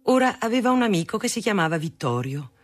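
A reader narrating a family memoir aloud in a measured storytelling manner. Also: mid-range voice, very animated. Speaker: audiobook reader. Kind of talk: reading a memoir novel aloud.

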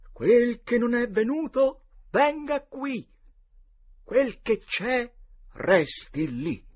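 Husky man reading a storybook. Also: medium pitch. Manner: animated, dramatic. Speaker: audiobook narrator. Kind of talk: expressive storybook narration.

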